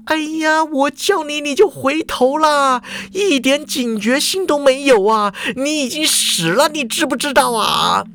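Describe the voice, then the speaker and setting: A man voicing an excitable old male school principal who scolds and exclaims in drawn-out phrases. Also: very high voice, gravelly, voice pushed up, heavily acted. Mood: scolding.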